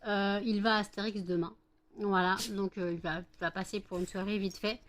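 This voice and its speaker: A woman's voice: medium pitch, fairly even intonation, moderate pace. A woman with a French accent vlogging from home, chatting casually about her day, rambling with many fillers and sometimes raising her voice to scold her dogs. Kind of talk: casual daily vlog chat.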